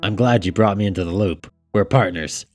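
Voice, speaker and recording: Man doing Spaulding, low matter-of-fact ex-butcher. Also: fairly quick, a little mellow, soft background music, lightly acted. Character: former butcher, practical, careful partner.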